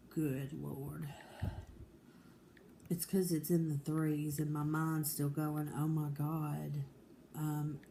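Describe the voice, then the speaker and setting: A woman's voice: deep voice, vocal fry, mellow, slight background noise. A woman, talking candidly and determinedly in a casual home vlog, rambling with many fillers. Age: 40s. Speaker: vlogger.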